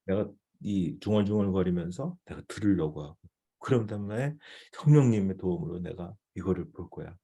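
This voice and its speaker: A man's voice: low voice, animated, a little fast, creaky, warm tone, husky. A male missionary teaching a devotional seminar in a conversational way, often checking in with his listeners.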